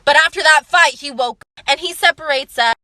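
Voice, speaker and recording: A young woman rattles through a casual story time with lively, emphatic delivery and plenty of swearing. Her voice sits high and sounds bright and forceful. The recording is close and dry. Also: fairly quick, no room sound.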